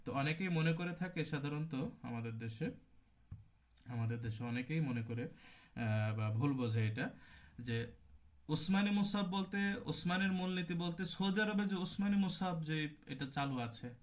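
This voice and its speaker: A man's voice: a little high, lively intonation, normal speed. A man with a Bangladeshi Bengali accent teaching an online Quran recitation class. He explains patiently, repeats terms and demonstrates how words are recited.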